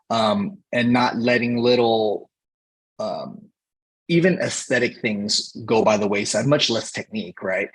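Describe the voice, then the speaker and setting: Man from Hawaii, thirties, husky, middle pitch, unhurried, halting interview talk. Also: low-quality recording. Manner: unhurried, pausing often to find words. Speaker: cheer coach, podcast guest.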